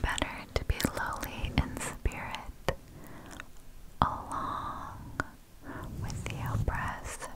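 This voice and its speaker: A woman whispers a reading in ASMR style, hands cupped close around the mic. Her voice is breathy and unvoiced. She goes extremely slowly, setting out each short phrase deliberately with long gaps between. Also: rough recording. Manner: slow, deliberate phrasing with long pauses, words sometimes repeated. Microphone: close microphone with hands cupped around it.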